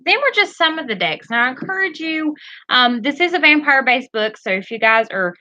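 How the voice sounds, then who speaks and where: A woman's voice: high voice, big pitch swings, fairly quick, bright, forceful tone, no room sound, dull audio. A woman chatting casually to her live-stream audience from her bedroom, a little nervous and rambling, often losing her train of thought. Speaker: tarot reader and streamer. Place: bedroom at home, pets nearby.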